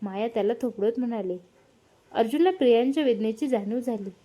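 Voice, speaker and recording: Woman reading a family story, calm and steady, mellow voice, kinda high. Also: brisk. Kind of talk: scripted story narration.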